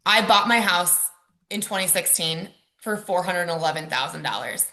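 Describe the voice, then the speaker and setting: A woman's voice: fairly low pitch, animated, moderate pace, pushed and bright. A woman, a mortgage lender, presenting a webinar over slides in a casual, chatty way with frequent ums and likes.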